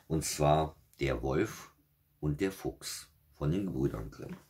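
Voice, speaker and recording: Super deep voiced guy reading bedtime fairy tales, calm and a bit husky, small home studio. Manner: calm, relaxed, self-mocking. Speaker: storyteller.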